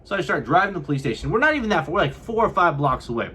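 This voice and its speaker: A man's voice: a little high, sing-song, rapid-fire, pushed and bright, husky. A young man from California, telling a vlog story to camera and acting out what others said. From California, USA. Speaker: vlogger.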